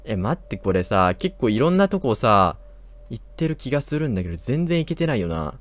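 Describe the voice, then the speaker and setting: Jumpy, lively young man narrating a horror game. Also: medium pitch, a little fast, faint music behind. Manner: jumpy, loud startled outbursts and joking complaints; talks to himself while exploring. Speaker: gameplay commentator. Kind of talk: horror game let's play commentary.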